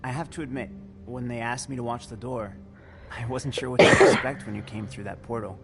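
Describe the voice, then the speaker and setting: A man's voice: mid-range voice, fairly even intonation, fairly quick, over loud music, close to an everyday voice. Young game doorman, male actor: mid-range voice, anxious, loyal, polite, slightly pleading. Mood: polite, nervous. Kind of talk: video game acting.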